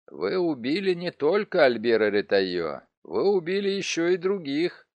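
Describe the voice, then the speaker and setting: A man voicing a calm, stern male police commissioner who accuses and gives orders firmly, in an audiobook. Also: on the high side, moderate pace, no echo. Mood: cold, accusing. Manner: firm, commanding.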